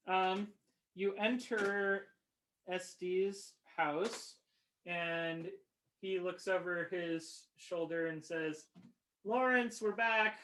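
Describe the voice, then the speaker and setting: A game master narrating a tabletop game, pausing often with ums and small laughs. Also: medium pitch, fairly bright tone, rough recording. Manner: slow, halting, many ums and laughs.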